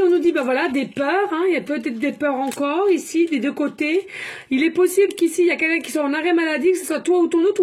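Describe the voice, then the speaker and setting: A woman's voice: very high voice, darkish tone. A woman medium giving a casual card-reading guidance, chatty and rambling, often tacking on little verbal fillers, talking at home. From France. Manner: chatty, rambling, peppered with "hein". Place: home by a glass patio door.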